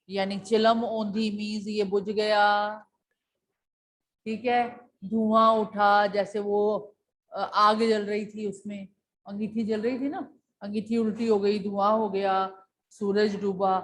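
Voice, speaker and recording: A woman teacher talks slowly and patiently, her voice sitting fairly high. She walks her class through a poem, repeating key points and answering her own questions. A faint hum of background noise runs underneath. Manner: asks the class questions and answers them herself. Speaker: school teacher.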